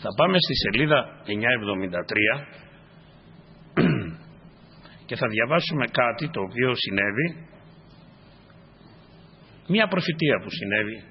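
A man preaching a sermon to his congregation, dropping to quiet asides and then rising into sudden emphatic bursts. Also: mid-range voice, lively intonation, long pauses, a little hiss or hum. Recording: dull lo-fi recording.

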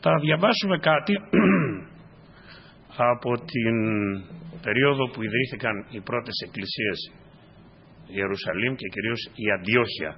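Male preacher, sermon delivery, husky tone, dips low then breaks into emphatic bursts, muffled lo-fi recording. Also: lively intonation, pauses often. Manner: swings from low, quiet asides to sudden high emphatic bursts. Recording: dull lo-fi recording.

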